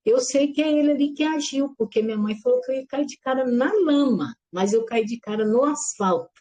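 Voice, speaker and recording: A middle-aged woman giving a lively personal religious testimony, acting out the voices in her story and calling her listeners brothers and sisters. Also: high-pitched, moderate pace. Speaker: church member giving testimony.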